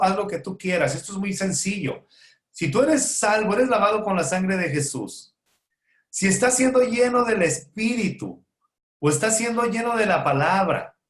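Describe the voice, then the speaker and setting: A man teaching a conversational Bible study lesson, asking and answering his own rhetorical questions with joking asides. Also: sits high. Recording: roomy echo.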